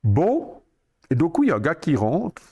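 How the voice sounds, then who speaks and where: A man in his sixties with a Swiss French accent, a podcast guest telling lively anecdotes and acting out the dialogue he quotes. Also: on the high side, moderate pace, husky. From Switzerland. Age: 60s. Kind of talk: storytelling interview.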